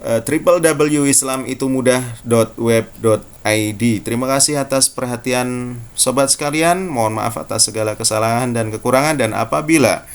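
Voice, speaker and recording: A man giving a casual Arabic lesson, saying example phrases slowly and with emphasis, then explaining them with friendly asides to the viewer. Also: mid-range voice, clean tone. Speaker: Arabic teacher.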